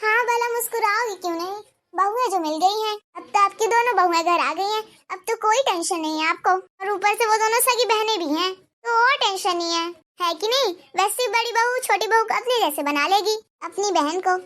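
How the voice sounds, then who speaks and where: A woman's voice: very high-pitched, moderate pace, a bit bright. A woman voicing a gossipy, meddling middle-aged neighbor in a cartoon, with a chatty, prying, complaining way of talking. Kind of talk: cartoon dubbing.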